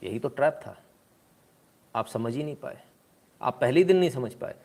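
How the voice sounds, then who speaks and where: A man hosting a sarcastic commentary stream, reading viewer comments aloud with mocking, animated delivery. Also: mid-range voice, moderate pace, creaky.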